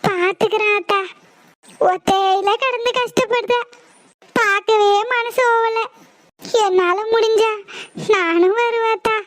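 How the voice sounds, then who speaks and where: A shrill old village grandmother. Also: fairly even intonation. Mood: fond. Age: older. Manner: brisk, rustic, calling out. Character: elderly village grandmother, fussing and frank. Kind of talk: animated cartoon voice acting.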